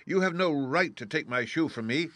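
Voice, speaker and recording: A man's voice: a little high, expressive, normal speed, a bit bright, no echo, pitched above the performer's own voice. A man voicing a proud, spirited little girl in an audiobook reading. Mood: angry. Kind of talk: audiobook character voice.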